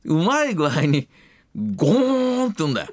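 An older man hosting a radio talk show, telling long rambling stories in rough, casual speech that livens up at the funny parts. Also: fairly high pitch, very animated, racing, dry recording, clean studio sound.

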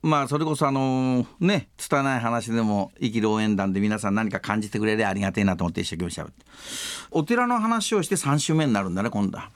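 A man's voice: on the low side, lively intonation, fairly quick, no room sound. Older man telling rambling stories. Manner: rambling, colloquial storytelling with rough casual speech. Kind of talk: casual radio talk.

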